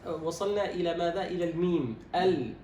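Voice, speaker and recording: A man teaching Quran recitation, quizzing his student and drawing out words slowly to demonstrate them. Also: fairly high pitch, a little mellow. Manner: instructive, quizzes and demonstrates slow drawn-out words. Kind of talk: recitation lesson, correcting a student. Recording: roomy echo, distant mic, faint noise.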